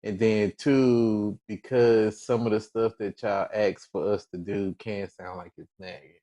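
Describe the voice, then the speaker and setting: Very deep-voiced guy co-hosting a podcast, chill and teasing. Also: fairly even intonation, warm tone. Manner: laid-back, playful teasing, drawn-out words. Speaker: podcast co-host. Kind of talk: casual chat.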